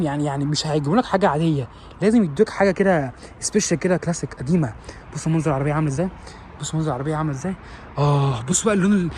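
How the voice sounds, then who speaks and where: Young man, Egyptian accent, fast gushing exclamations, slightly high voice, faint room ambience. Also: a little hiss or hum. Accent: Egyptian Arabic. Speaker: vlogger. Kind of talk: excited casual vlog tour. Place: car showroom.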